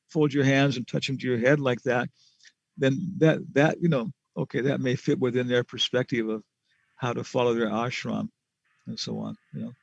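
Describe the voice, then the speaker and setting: A man's voice: medium pitch, vocal fry, dry recording, dull audio. A man answering students' questions in a casual class, rambling with many fillers and chuckles.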